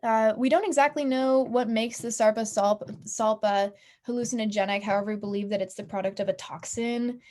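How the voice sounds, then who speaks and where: A woman's voice: a little high, a little fast. Chatty woman lecturer, lots of "like". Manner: chatty, animated, frequent "like" and "um". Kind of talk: casual university lecture.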